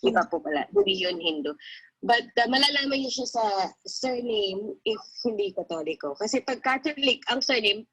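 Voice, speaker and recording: A woman's voice: a little high, animated, brisk, gravelly, fairly bright tone, husky, poor audio. A woman from the Philippines with a Filipino accent, a student talking politely and casually, mixing English and Tagalog. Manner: polite and deferential, uses respectful particles. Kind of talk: casual Taglish chat.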